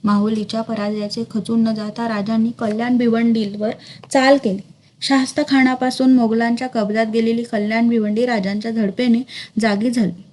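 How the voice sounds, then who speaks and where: A woman's voice: on the high side, level tone, moderate pace, a little mellow. A woman steadily reading a historical novel aloud as narrator.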